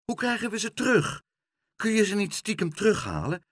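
A man voicing an eager, lively young girl who talks excitedly, in a read-aloud children's story. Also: high voice, a little fast, no room sound, studio quality, pitched above the performer's own voice, heavily acted.

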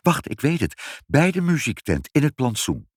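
A man voicing a brisk, sensible mother in a read-aloud storybook, talking in a matter-of-fact way. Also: mid-range voice, big pitch swings, breathy edge, no echo, studio quality, pitched above the performer's own voice. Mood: explaining.

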